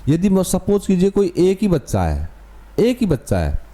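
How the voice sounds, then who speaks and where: A man's voice: sits high, huge pitch swings, normal speed, mellow. A man with an Indian accent teaching English to young pupils, patiently repeating words and spelling them out letter by letter.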